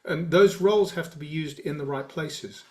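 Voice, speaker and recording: A man who guides a meditation community, answering a question in a measured, reflective way with frequent pauses and fillers. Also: fairly high pitch. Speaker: guiding teacher of a meditation community. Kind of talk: dharma talk Q&A.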